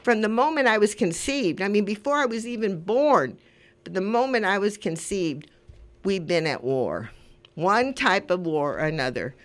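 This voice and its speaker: Een vrouw van in de tachtig, die als radiopresentatrice mededelingen doet en er oprecht en uitweidend bij praat. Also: female voice, medium pitch, sing-song, normal speed. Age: 80s. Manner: earnest, rambling, conversational. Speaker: community radio host. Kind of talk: casual radio talk with announcements.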